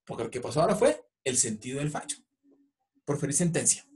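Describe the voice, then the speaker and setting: A man's voice: mid-range voice, lively intonation, fast, darkish tone. A middle-aged man teaching an online law class, explaining step by step. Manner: explanatory, acts out courtroom exchanges. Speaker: law professor. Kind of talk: online lecture.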